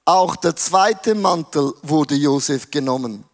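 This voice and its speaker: Slangy preacher. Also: male voice, fairly high pitch, animated, slow. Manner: casual, slangy, dramatic retelling. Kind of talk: sermon storytelling.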